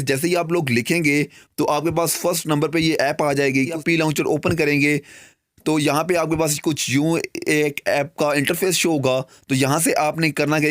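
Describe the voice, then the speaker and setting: A young man with a Pakistani Urdu accent walks viewers through a phone tutorial, with "guys" dropped into nearly every sentence. His voice sits a little high and sounds dry and close, with no room around it. He talks in a loose, chatty way. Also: dry recording. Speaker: tech channel host. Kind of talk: screen-recorded tutorial narration.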